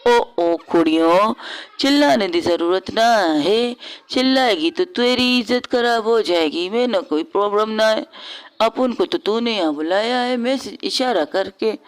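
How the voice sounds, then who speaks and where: A woman's voice: medium pitch, animated, measured pace, clear, resonant tone, pitched above the performer's own voice, natural voice. A woman voicing a young woman disguised as a swaggering man, with a Punjabi accent, teasing and drawing out sing-song lines. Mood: mocking.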